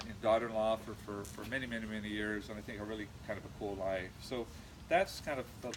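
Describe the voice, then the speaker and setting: A middle-aged man from California with an American accent, giving an informal eulogy in a halting, reminiscing way with frequent pauses. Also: lowish voice. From California, USA. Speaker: eulogist, nephew of the deceased. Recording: noisy amateur recording, steady background noise.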